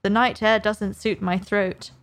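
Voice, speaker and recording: A woman's voice: mid-range voice, fairly even intonation, measured pace, close to an everyday voice. A woman reading aloud and voicing a fussy old magpie making excuses to leave.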